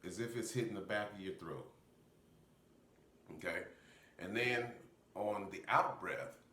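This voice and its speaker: A man with congested sinuses casually and loosely explains a breathing technique, his voice on the low side but fairly bright. The recording has a roomy echo and faint background noise.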